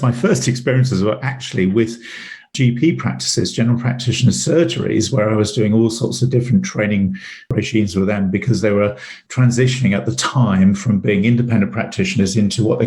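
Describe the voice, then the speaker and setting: A man's voice: on the low side, mellow, roomy sound. A middle-aged man, a sales trainer, telling rambling stories as an interview guest and often repeating words. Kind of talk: casual interview storytelling.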